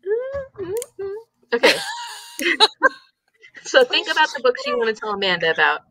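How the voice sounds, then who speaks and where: Her nasal voice sits high and swings hugely in pitch, sounding pushed and bright while she talks a little slowly. As host of a reading stream, she's in a casual chat with a friend, frequently laughing and fumbling for words. The recording sounds dull and muffled.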